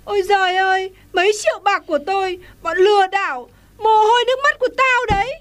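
A woman's voice: extremely high pitch, lively intonation, a little fast, a bit bright. A woman playing a busy, dismissive middle-aged wife and mother who keeps complaining. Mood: panicked. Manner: complaining, exclaiming.

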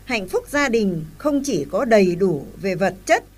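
A woman's voice: medium pitch, very animated, measured pace, a little mellow. A woman playing an older grandmother who scolds and gives advice in a family skit. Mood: advising. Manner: scolding, then advising.

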